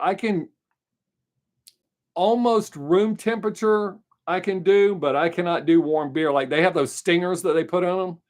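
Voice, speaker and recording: Chatty, profane Southern-drawling man. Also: a little high. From American South. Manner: rambling, chatty, frank and profane. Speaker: livestream host answering chat. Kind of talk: casual live stream chat.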